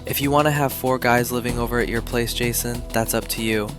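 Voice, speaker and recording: A man's voice: medium pitch, fairly even intonation, a little fast, over music, close to an everyday voice. Male film role, acted: guarded college student, level delivery, middle register. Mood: reluctant. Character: reluctant, guarded student living in a dorm. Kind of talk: dramatic film dialogue.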